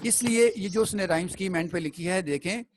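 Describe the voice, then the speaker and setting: A man's voice: high-pitched, fairly quick, slight background noise, rough recording. A man teaching a classroom poetry lesson. He explains step by step and keeps checking that the students follow.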